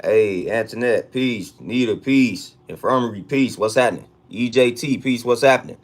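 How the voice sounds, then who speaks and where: A man's voice: mid-range voice, moderate pace. An American man hosting a casual livestream check-in, talking in street slang and repeating hype catchphrases. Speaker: livestream host.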